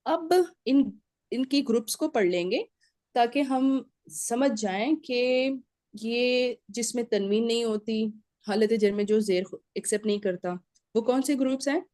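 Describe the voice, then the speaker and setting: In a recorded Arabic grammar lecture, a woman with a mellow, darker tone, fairly high pitch and unhurried pace explains step by step. She drills word endings aloud and often checks in with short confirmations. Her voice sounds close and dry, with no room echo.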